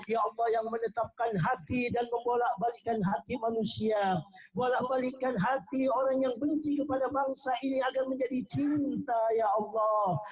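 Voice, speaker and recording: A man with a high, husky voice leads a fervent prayer, returning again and again to a chanted refrain. His delivery swells into impassioned calls, heard over a video call. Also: low-quality recording. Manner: repeats "ya Allah" refrains, voice rising to impassioned calls.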